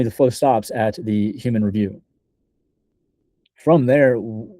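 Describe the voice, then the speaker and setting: A young man giving a scripted software demo in a deliberate, measured, slightly halting way, as a developer presenting a project. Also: mid-range voice, no echo.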